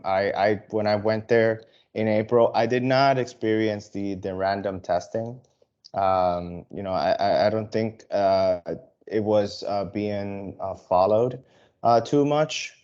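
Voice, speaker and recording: A man from the Dominican Republic giving an airline sales webinar over a video call, halting and full of fillers and restarts. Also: on the low side, darkish tone, highs cut off. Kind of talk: webinar presentation.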